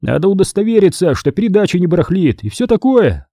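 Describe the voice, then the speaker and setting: A man voicing an eager, careless middle-aged father in an audiobook, talking excitedly and defensively. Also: high voice, quick pace, dry recording, studio quality, pitched above the performer's own voice, heavily acted.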